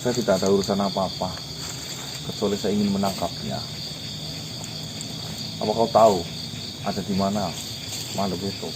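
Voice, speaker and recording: A man's voice: deep voice, fairly even intonation, normal speed, long pauses. A man hosting an encounter, talking politely and apologetically but insisting on his point. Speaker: host of supernatural encounters. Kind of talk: casual spoken dialogue. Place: outdoors at night. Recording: outdoor night recording with insect noise. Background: crickets and insects.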